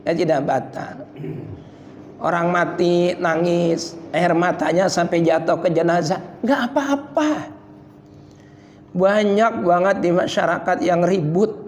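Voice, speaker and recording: A male preacher giving a lively, joking sermon at an evening study in a prayer room, often mimicking other voices and swinging between loud and soft. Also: sits high, unhurried. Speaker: Islamic preacher. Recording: reverberant room with faint background noise.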